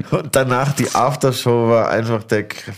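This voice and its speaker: A young man from Berlin co-hosting a podcast, telling stories in an excitable, slangy, casual way. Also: medium pitch, measured pace, a little hiss or hum. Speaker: podcast co-host.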